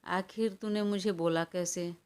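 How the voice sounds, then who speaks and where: A woman's voice: fairly low pitch, fairly even intonation, unhurried, darkish tone, clear, resonant tone, natural voice. A woman reading an audio story, voicing a stubborn, hot-tempered young woman in a quarrelsome, defiant manner. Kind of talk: audiobook character voice.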